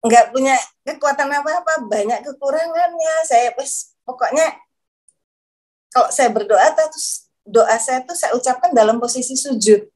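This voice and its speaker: High-voiced woman telling her testimony. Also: moderate pace, a little mellow. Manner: hesitant, repeats herself, searches for words; emotional, voice rises when moved. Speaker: guest giving a conversion testimony. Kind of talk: personal testimony, casual storytelling.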